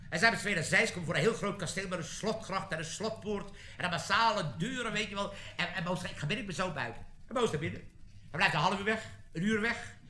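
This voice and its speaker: A man with an Amsterdam accent telling jokes on a live stage, animated and laughing often as he slips into character voices. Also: high-pitched, fast talker. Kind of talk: stand-up joke telling on a live record. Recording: echoey 1950s vinyl recording.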